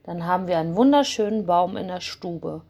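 A woman voicing an eager, brash young boy in a storybook, talking excitedly and brushing off worries. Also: fairly low pitch, fairly quick, creaky. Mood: dismissive. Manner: excited, dismissive.

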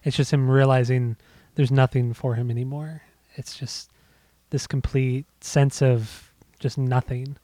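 A man co-hosts a relaxed podcast chat and rambles through his points with plenty of restarts and fillers. He sounds winded, still catching his breath, and his voice is mid-pitched. The sound is close and dry, with no room around it. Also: unhurried, dry recording. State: out of breath after a bike ride. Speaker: podcast co-host. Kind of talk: casual music podcast chat. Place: home.

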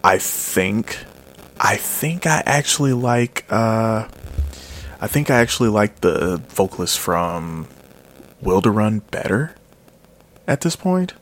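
A man's voice: on the low side, sing-song, slow. A man giving a casual, rambling spoken review of a metal album, often correcting himself and trailing off into mumbles.

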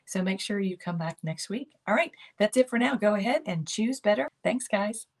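Gravelly encouraging woman host, over 60. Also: medium pitch, lively intonation, moderate pace. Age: older. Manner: encouraging, repetitive coaching phrases. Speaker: host of a keto lifestyle channel. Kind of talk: motivational talk to camera.

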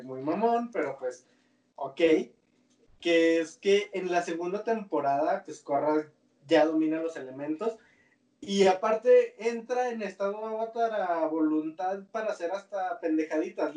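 A man with a Mexican Spanish accent chats loosely on a podcast, full of slang and restarts. His voice sits a bit high. He sounds set back from the microphone in a roomy space. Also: darkish tone, recorded from a distance. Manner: slangy, rambling, restarts often. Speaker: podcast co-host. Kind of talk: casual chat about a cartoon series.

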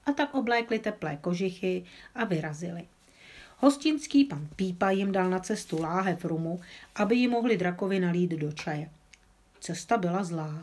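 A woman calmly reading a children's story aloud, with an occasional small slip of the tongue. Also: medium pitch. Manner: calm, with small slips.

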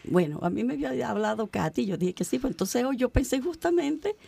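A woman's voice: fairly high pitch, very animated, fairly quick, creaky, warm tone, breathy edge. A woman in her sixties from Venezuela, a guest on a faith program, speaking devoutly and praying aloud with scripture. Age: 60s. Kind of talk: faith radio conversation and prayer.

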